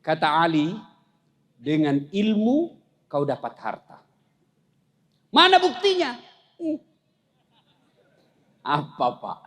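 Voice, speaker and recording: A man's voice: fairly high pitch, takes it slowly, pauses often. A middle-aged man, giving a humorous sermon full of stories and jokes and talking straight to the crowd. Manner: storytelling with jokes, lively asides to audience. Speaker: preacher.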